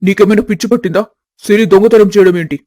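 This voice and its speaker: A man voicing a questioning young husband in an animated family story. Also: high voice, fast, no room sound, studio quality, close to an everyday voice. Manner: questioning, sharp.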